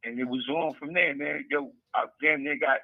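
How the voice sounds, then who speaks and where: A middle-aged man, an author appearing as an interview guest, tells stories casually over a prison phone, rambling, repeating words and dropping street slang. His voice is a little high, steady and creaky, at a normal pace. The prison handset gives a tinny line with no echo.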